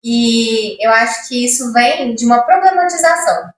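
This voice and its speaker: A woman with a high voice chatting on a podcast, sharing firm opinions backed by stories from her own life. The room echoes around her. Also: expressive, moderate pace, slight background noise. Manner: opinionated, tells personal anecdotes. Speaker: podcast co-host. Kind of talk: casual chat.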